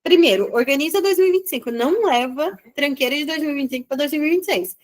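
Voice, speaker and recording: With a high voice and a Brazilian Portuguese accent, a woman mentors someone on business over an online session. She keeps it chatty and energetic, with quick asides throughout.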